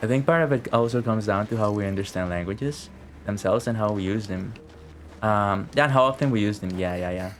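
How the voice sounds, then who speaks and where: A man's voice: fairly low pitch, a little fast, slight background noise. A young man, a native Spanish speaker, chatting casually as a streamer while gaming, telling a rambling story with lots of fillers.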